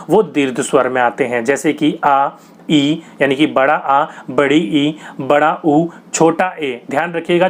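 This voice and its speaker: A young man teaching a grammar lesson for exam prep, asking questions and answering them himself in a patient, repetitive way. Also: a little high.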